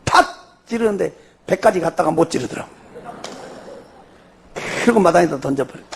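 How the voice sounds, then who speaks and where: An older man with a Jeolla accent, a church elder telling his testimony in an animated way and tossing in rhetorical questions. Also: fairly high pitch, normal speed, creaky, breathy edge. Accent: Jeolla Korean. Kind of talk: spoken testimony before a congregation.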